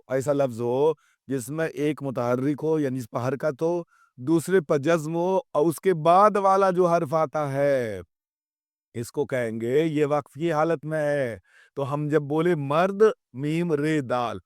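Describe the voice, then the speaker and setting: A male teacher giving a grammar lesson in a patient, measured way. He drops his pace to spell out letters one by one and repeats words for his students. The sound is dry and close, with no room around it. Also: a little high, dry recording.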